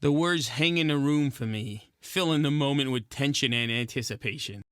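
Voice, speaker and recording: Man as bright-voiced hard-boiled penguin detective. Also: mid-range voice, moderate pace, clean tone, dry recording, studio quality, close to an everyday voice. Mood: brooding narration. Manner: clipped gumshoe slang. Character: hard-boiled penguin private detective, hot-tempered, wisecracking. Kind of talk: noir narration, 1940s radio detective acting.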